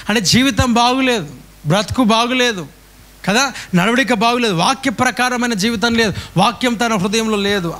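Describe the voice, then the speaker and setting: High-voiced preaching man. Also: fairly bright tone. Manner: repetitive, rhetorical questions to the congregation. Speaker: pastor. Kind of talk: call-and-response sermon.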